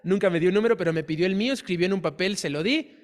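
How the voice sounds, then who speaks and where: A man's voice: high-pitched, very fast. A man teaching a Bible class in a church hall, telling a personal story and acting out the dialogue in it.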